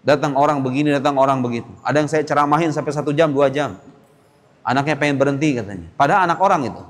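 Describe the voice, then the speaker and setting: Lively high-voiced male religious teacher. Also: in a large hall. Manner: lively, acts out parents and children in quick little voices. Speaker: teacher of a boarding school. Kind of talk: religious lesson to students. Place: mosque.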